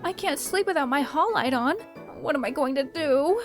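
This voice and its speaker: A woman plays an earnest cosmic princess with a high voice and a formal, dignified delivery. It is cartoon dub acting, with light music behind it. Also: animated, moderate pace. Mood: fretful. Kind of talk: animated comic dub acting.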